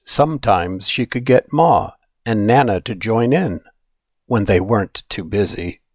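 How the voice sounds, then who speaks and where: Guy reading kids picture book out loud, slow and animated, dry close sound. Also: lowish voice, no echo. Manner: deliberate, animated storytelling. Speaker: storybook reader. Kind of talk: expressive read-aloud of a children's story.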